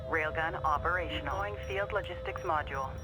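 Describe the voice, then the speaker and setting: An actor playing a formal, efficient military systems announcer giving status reports in a video game. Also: male voice, on the high side, close to an everyday voice, poor audio. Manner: formal, measured, impersonal. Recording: game music behind.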